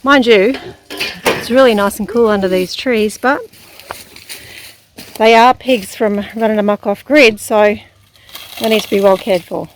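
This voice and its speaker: A woman's voice: mid-range voice, measured pace, pauses often, a little hiss or hum. A woman with an Australian accent, hosting a farm vlog in casual narration and chat. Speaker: host of an off-grid farm vlog. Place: outdoors on a rural property.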